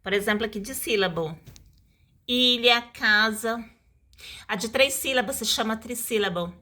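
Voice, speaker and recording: A woman's voice: medium pitch, fairly quick, a bit bright. A woman teaching a lesson in a casual, explanatory way, stretching out example words and adding tag questions.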